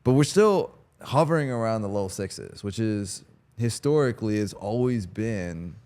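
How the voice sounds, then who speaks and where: A man's voice: lowish voice, animated, measured pace, darkish tone. A man hosting a casual chat outdoors on a golf course, upbeat and laughing easily, rambling through explanations. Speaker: host.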